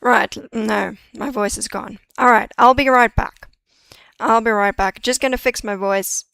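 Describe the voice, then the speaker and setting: This woman streams herself doing 3D modeling, talking to viewers and murmuring her thoughts as she moves through every step. Her medium-pitched voice is creaky yet fairly bright, clear and resonant, with no echo.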